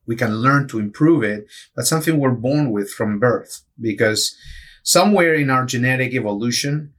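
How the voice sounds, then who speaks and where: Man from Peru, middle-aged, interview guest, earnest explainer, mid-pitched voice. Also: fairly bright tone. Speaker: neurosurgeon guest. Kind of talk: interview answers.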